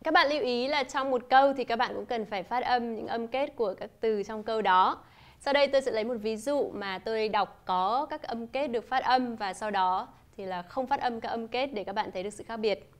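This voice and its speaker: Woman teacher with a higher voice, explaining clearly. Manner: clear, measured explaining, demonstrating English sentences. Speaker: English teacher. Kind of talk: scripted lesson narration.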